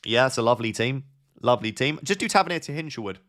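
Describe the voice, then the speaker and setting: A young man hosting a casual live stream, reading viewers' messages aloud and thinking out loud with quick, offhand advice. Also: medium pitch, animated. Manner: thinks aloud with fillers and restarts. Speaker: live-stream host answering chat.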